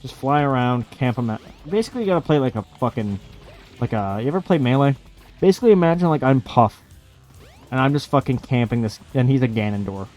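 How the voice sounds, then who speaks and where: Male gaming commentator, mid-pitched, casual, sardonic and foul-mouthed, music behind him. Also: expressive, quick pace, darkish tone. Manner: sarcastic, sweary, complaining. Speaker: let's play host. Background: video game music.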